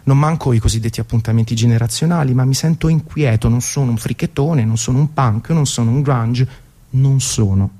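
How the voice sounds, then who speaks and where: A man in his 30s, a radio presenter, reads a scripted music documentary monologue on a radio broadcast. His mid-range voice has a dark tone and moves fairly quickly. He tells it theatrically, like a story, tossing in colloquial asides.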